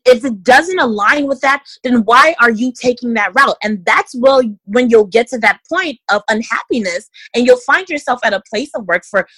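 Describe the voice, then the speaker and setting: She speaks directly to guys and ladies with emphatic career guidance in an interview-style conversation. Her slightly high voice sounds sharp, and the recording is poor but free of echo.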